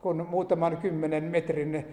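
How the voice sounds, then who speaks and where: A man's voice: fairly high pitch, level tone, mellow. A man preaching a sermon, retelling a Bible story with emphatic rises and asides. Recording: echoey hall reverb.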